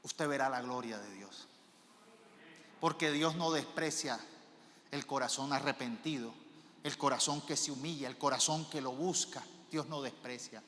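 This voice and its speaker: A male pastor preaching a sermon in a church, asking the congregation questions and swinging between soft and loud. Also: medium pitch, normal speed, slight background noise. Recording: reverb of a large church hall.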